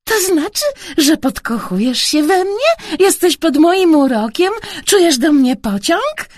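A woman's voice: very high voice, big pitch swings, measured pace, dry recording, pitched above the performer's own voice, heavily acted. A woman voicing a giggly, teasing young woman in an audiobook story.

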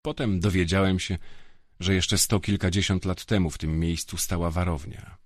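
A man with a very deep voice narrates a first-person fantasy audiobook. His delivery is measured and dryly ironic. The recording is close and dead, with no room sound. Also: steady tone, no echo.

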